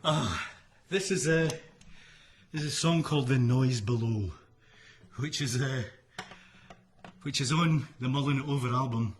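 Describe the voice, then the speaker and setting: A man's voice: mid-range voice, a little slow, long pauses, a little hiss or hum. A Scottish man livestreaming from home during lockdown, singing folk songs with jokey chat and coaxing viewers to join the chorus. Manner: jokey, coaxes viewers to sing along. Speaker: singer-songwriter livestreaming. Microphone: livestream microphone. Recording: loud instrument over voice. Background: loud acoustic instrument.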